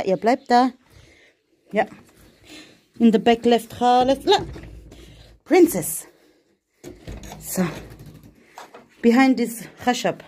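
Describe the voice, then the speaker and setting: A woman's voice: on the high side, a little mellow. Woman chatting away on a farm, talks sweet to the animals, flips between languages, faint noise around. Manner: chatty, switching between German, English and Arabic; coaxing and talking to animals. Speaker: vlogger. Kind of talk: casual chat while tending farm animals. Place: village farm and stable.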